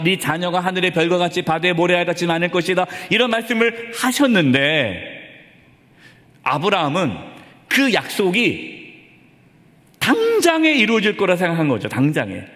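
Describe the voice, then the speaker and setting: A man's voice: high voice, fairly bright tone. A male pastor preaching a sermon in an earnest, conversational way, acting out short asides. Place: church sanctuary. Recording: long reverb of a church hall.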